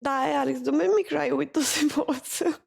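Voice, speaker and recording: A woman's voice: high-pitched, moderate pace, vocal fry. A woman streaming live, chatting casually and thanking viewers, tired and emotional, close to tears.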